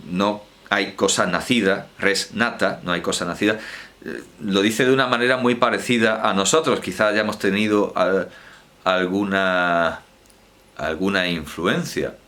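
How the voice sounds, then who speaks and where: A man's voice: fairly low pitch, a bit bright. A man with a Spanish accent giving a university lecture, digressive, with restarts and rhetorical questions.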